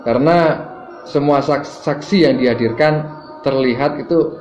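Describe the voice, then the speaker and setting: A man hosting a political commentary video, explaining calmly and addressing his viewers as friends. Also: fairly high pitch, measured pace. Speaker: host commenting on viewer clips. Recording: roomy, dull sound with music behind.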